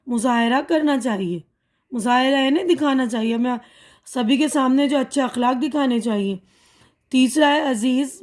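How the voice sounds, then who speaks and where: A woman teacher patiently going through a textbook chapter, repeating and explaining each term and mixing in English words. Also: high-pitched.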